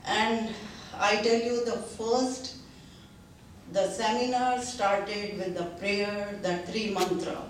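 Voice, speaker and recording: In a seminar hall, an older woman in her 70s whose first language is Hindi gives a slow, halting speech to a gathering, hesitating with many pauses and fillers. Her voice is medium-pitched and steady. The distant mic captures a very echoey hall and a little hiss or hum.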